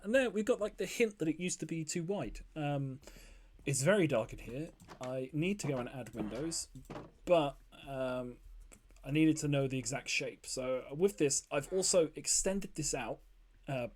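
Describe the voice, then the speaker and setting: A man giving casual, rambling commentary while he builds in a game, with lots of ums and asides. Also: a little high. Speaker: let's play host.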